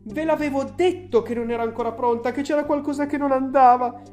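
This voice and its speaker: A woman's voice: sits high, steady tone, a little fast, darkish tone, soft background music, voice pushed up, close to an everyday voice. A woman voicing a fretful, eccentric male candy maker who sighs and apologizes. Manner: sighing, apologetic, fussing.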